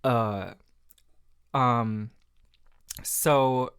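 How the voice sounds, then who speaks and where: A man's voice: medium pitch, extremely slow, fairly bright tone, clean tone, dry recording, clean studio sound. A man hosting a solo podcast, talking in a reflective, candid, self-deprecating way with lots of fillers. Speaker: podcast host.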